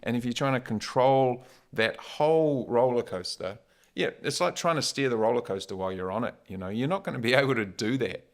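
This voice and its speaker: A man's voice: medium pitch, brisk. A man with a New Zealand accent talking casually and reflectively as a podcast guest, in a wry, informal, philosophical way.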